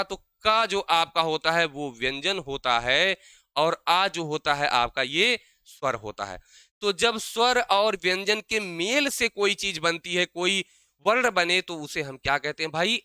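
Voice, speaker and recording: A young man teaching an exam-prep grammar lesson. He keeps asking his own questions and answering them, and he slows down to spell out sounds. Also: high-pitched, expressive, sharp tone, clear, resonant tone, no echo.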